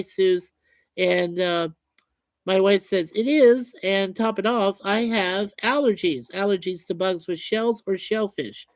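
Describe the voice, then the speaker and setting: Here a high-voiced man runs a livestream, chatting through viewer comments in an easygoing, folksy manner, recorded without any room sound.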